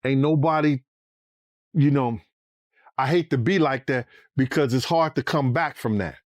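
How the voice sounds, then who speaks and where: A former bodyguard telling a story in a casual interview, animated and profane, acting out the voices he quotes. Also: mid-range voice, unhurried, no room sound.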